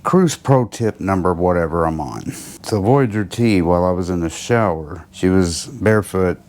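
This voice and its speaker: A man's voice: sits low, expressive, normal speed, a little mellow. A man talking casually to camera as a cruise vlogger, with a wry, grumbling manner.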